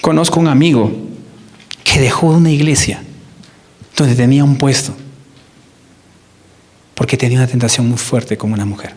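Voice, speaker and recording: A man's voice: mid-range voice, moderate pace, pauses often, darkish tone. A man with a Colombian Spanish accent preaching in church, asking the congregation questions and acting out quoted voices. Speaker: pastor. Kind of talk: sermon.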